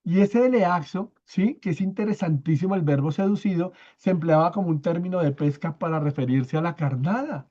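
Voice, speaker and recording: A man teaching a church Bible study, explaining step by step, often checking in with his listeners and repeating key words slowly for emphasis. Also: sits high, mellow, dull audio. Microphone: own microphone.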